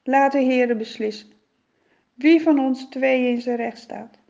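An earnest young man raises his voice in a loud, pleading call, as a woman storyteller puts him on. The voice sits high and moves at an unhurried pace. The recording is dull and lo-fi. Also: creaky. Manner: pleading, emphatic.

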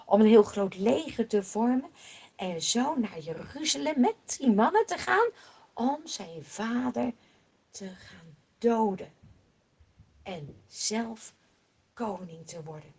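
Woman Bible storyteller, breathy, unhurried, expressive with hushed drops. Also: a little high.

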